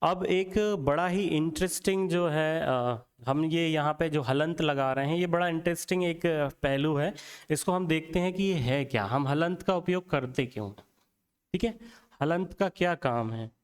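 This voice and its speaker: A man giving an exam-prep grammar lecture, explaining slowly and sounding out letters one at a time while asking and answering his own questions. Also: on the high side, clear, resonant tone, in a large hall. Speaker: teacher.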